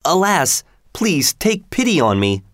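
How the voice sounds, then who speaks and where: A man's voice: a little high, animated, a little slow, no room sound, voice pushed up. A frightened, pleading fisherman with a raised, anxious voice, as a man puts him on. He begs with urgency. The recording is dry and close. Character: pleading poor male fisherman, a frightened father.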